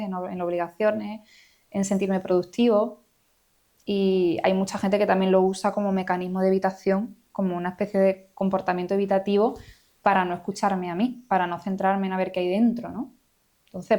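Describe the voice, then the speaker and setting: A woman's voice: medium pitch, darkish tone. A woman psychologist, explaining her ideas in a reflective, conversational interview, often checking in with "¿no?". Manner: reflective, explanatory, many filler "eh" and "¿no?". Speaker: psychologist guest.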